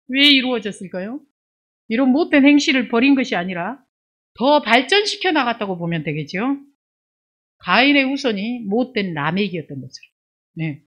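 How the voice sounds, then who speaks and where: A woman pastor preaching an expository sermon. She reads scripture aloud in a raised, emphatic voice, then explains it in a lower conversational tone full of rhetorical questions. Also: fairly bright tone.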